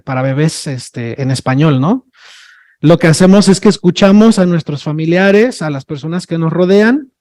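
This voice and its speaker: Leading a workshop as a sign language trainer, a man with a high-pitched but dark-toned voice keeps things chatty, cracking jokes and frequently checking in with tag questions like "ok?" and "no?".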